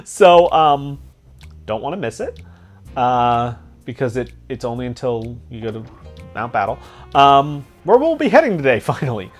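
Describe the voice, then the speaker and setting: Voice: medium pitch, big pitch swings, moderate pace. A host giving chatty, giggly let's-play commentary for a game guide, full of fillers. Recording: faint game music behind.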